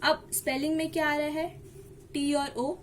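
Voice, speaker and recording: High-voiced woman teaching shorthand. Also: little pitch movement, moderate pace, slight background noise. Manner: asks the class questions and answers them herself; mixes English terms into her Hindi. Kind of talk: explaining a lesson step by step.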